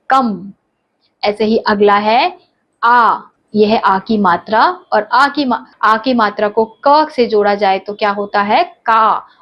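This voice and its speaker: Woman teaching, lo-fi recording. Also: medium pitch. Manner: explains step by step, asks and answers her own questions. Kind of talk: Hindi grammar lesson. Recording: dull lo-fi recording.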